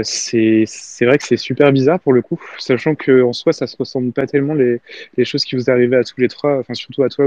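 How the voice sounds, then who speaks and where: A man's voice: mid-range voice, a little mellow, no echo. A man hosting a casual live audio chat with callers, speaking informally and hesitantly with repeated words. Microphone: online audio call. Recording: band-limited, dull online audio chat.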